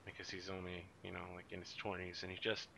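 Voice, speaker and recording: A man's voice: deep voice, monotone, quick pace, creaky, sharp tone. A man narrating a tabletop role-playing game as game master. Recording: dull recording, faint noise, clicks.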